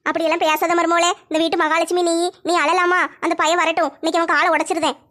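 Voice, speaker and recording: A woman's voice: very high-pitched, level tone, fast, fairly bright tone. A woman voicing a protective, blunt middle-aged village mother-in-law. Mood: stern.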